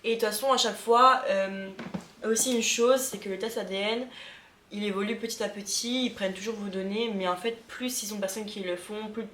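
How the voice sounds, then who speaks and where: A woman from Lorraine in eastern France chats in a casual vlog, quick to get excited and often thinking aloud with plenty of fillers. Her pitch sits at an everyday middle. The room gives her voice a noticeable echo. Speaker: vlogger. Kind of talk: casual vlog reacting to results.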